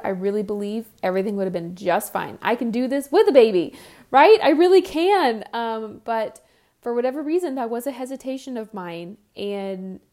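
A mellow, medium-pitched voice belongs to a woman in her thirties hosting a podcast on her own. She takes listener questions in a candid, chatty style, with frequent restarts and self-deprecating asides.

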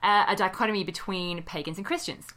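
A woman's voice: mid-range voice, fast, sharp tone. A woman co-hosting a podcast, chatty and wry, often hedging with "you know" and laughing. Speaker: podcast co-host. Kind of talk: casual podcast chat.

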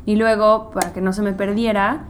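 In a relaxed interview, a woman musician from Mexico rambles through her stories with plenty of fillers; she speaks English as her first language but carries a Mexican Spanish accent. Her pitch is medium with little movement, her pace moderate, and slight background noise is present.

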